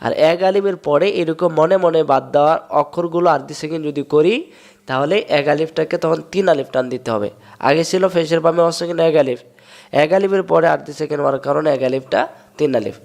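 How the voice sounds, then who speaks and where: A man from Bangladesh, teaching Quran reading step by step and drawing out sounds slowly to show them. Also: fairly high pitch, creaky, darkish tone. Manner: explains step by step, drawls sounds slowly to demonstrate. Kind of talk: recitation lesson.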